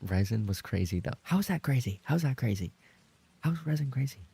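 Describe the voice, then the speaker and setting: Quick and animated, this very gravelly, creaky male voice sits at medium pitch with a mellow quality. He's a livestream host and roleplay voice actor casually reading and reacting to viewer messages, swearing, acting playfully offended, and repeating phrases when he gets flustered.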